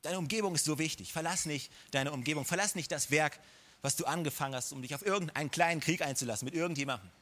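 A man's voice: on the high side, quick pace, sharp tone. A man preaching a sermon, speaking straight to the listener with encouragement and humorous asides. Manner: direct, encouraging address to the listener. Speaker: pastor.

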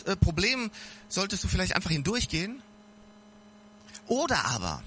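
A man preaches in a relaxed, conversational way, speaking straight to his listeners with earnest conviction. His voice sits fairly high and bright, and his pitch moves a lot as he talks. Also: slight background noise. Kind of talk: informal sermon.

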